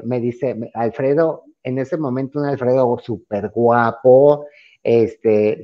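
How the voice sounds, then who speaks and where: A man's voice: mid-range voice, highs cut off. A man with a Mexican Spanish accent, a podcast guest casually telling an anecdote and acting out the dialogue in a raised voice. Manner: animated, acts out quoted dialogue in a raised voice.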